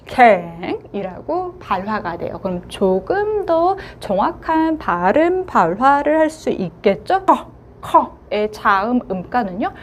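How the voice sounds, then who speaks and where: A woman with a high voice teaches a language lesson. She models words slowly and stretches out the sounds. Her explanations keep returning to a short filler word. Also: slight background noise. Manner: slow, drawn-out modelling of words, frequent "자".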